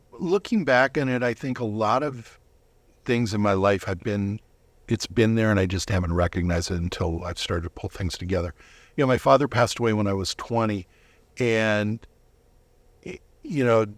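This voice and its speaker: A middle-aged man, appearing as an interview guest, shares a personal testimony in a conversational, reflective way, halting and often rephrasing. His voice is lowish and the recording is dry.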